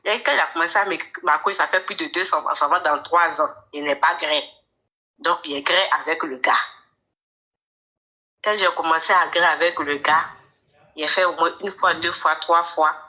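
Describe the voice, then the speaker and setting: A woman caller telling her personal story to a coach, halting and often repeating words. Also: sits low, fairly even intonation, pushed and bright, lo-fi sound.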